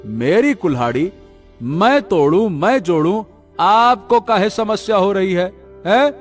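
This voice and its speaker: A man voicing a defiant high-voiced woodcutter. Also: lively intonation, a little slow, soft background music.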